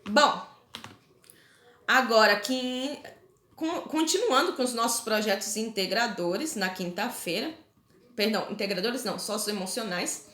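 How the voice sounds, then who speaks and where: Brazilian teacher lady explaining homework to parents, kinda high voice, chatty, lots of little tag questions, echoey room. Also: measured pace, a bit bright. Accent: Brazilian Portuguese.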